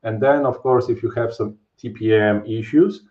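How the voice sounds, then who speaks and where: This is a man in his thirties from Poland, his medium-pitched voice slightly mellow and moving at a normal speed. Presenting a live tech webinar indoors from his home office, he explains casually in Polish-accented speech full of fillers and tag questions. The sound comes through a webcam video call as dull, lo-fi stream audio.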